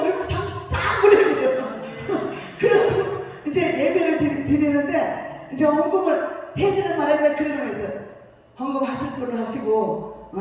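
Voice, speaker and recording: A middle-aged woman pastor telling a family story in a sermon, lively and anecdotal, often laughing as she acts out relatives' voices. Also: fairly high pitch, slight background noise. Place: church sanctuary. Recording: echoey hall from a distant mic.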